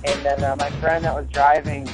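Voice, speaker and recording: A man's voice: fairly high pitch, little pitch movement, fairly quick, over loud music. A man in his twenties from Virginia, casually telling a story over the phone, loose and rambling with lots of restarts. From Virginia, USA. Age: 20s. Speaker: guest surfer telling a story. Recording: tinny telephone line.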